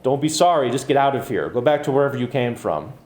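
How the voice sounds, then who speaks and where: A reader gives voice to an irritated man in his thirties, curt and impatient with his commands. The tone is mellow and the room is roomy. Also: medium pitch, lively intonation, fast, natural voice.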